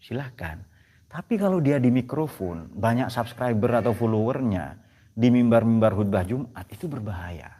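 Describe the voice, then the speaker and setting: Male lecturer. Very expressive pitch, teasing and checking in with the class. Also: normal speed. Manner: animated, joking, asks "ya kan?" often. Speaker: teacher of philosophy at a pesantren.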